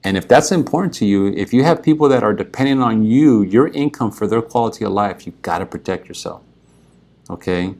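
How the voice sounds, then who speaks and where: A man's voice: on the low side, lively intonation, a little fast, vocal fry, darkish tone. A man working as a financial advisor, explaining his services straight to the viewer in an earnest, persuasive way, often checking in with "right?" and "okay". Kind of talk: direct-to-camera explainer.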